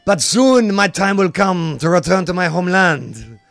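A man's voice: high-pitched, expressive, normal speed, creaky, no echo, full character voice. A man playing a drunken, boastful French retired footballer with a put-on French accent, rambling and pompous. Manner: pompous, tipsy, rambling, bursts of shouting. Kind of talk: comedic podcast bit.

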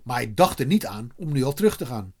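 A man reading a children's story aloud in a lively way, voicing the characters. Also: medium pitch, fast, slightly rough. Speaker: narrator.

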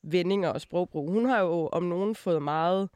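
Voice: medium pitch, a little mellow, clean tone, no room sound, clean studio sound. An interviewer from West Jutland asking probing questions with some hesitation. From West Jutland, Denmark. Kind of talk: conversational interview.

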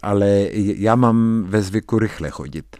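A man's voice: lowish voice, darkish tone, no room sound, studio quality, lightly acted. A man putting on a fawning old wine salesman. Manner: obsequious, overly polite. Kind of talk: dramatic radio story reading.

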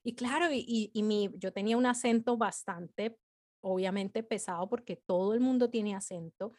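A woman, telling her story as a guest in a casual interview, chatty and animated with frequent fillers. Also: medium pitch, normal speed.

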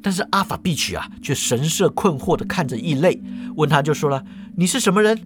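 A man narrating a comic story in a lively, chatty way, stretching his sentence particles. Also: fairly high pitch, fairly quick.

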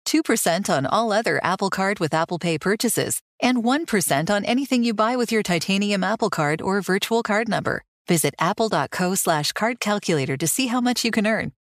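A woman's voice: medium pitch, lively intonation, brisk, few pauses, no room sound, clean studio sound. A woman reading a scripted advertisement with product terms as an announcer. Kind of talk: scripted ad read with legal disclaimer.

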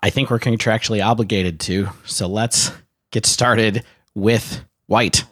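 A man co-hosting a casual podcast, chatty and joking, reading out card text and giving shout-outs. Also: fairly low pitch, steady tone, a little slow, no echo, clean studio sound. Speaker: podcast co-host.

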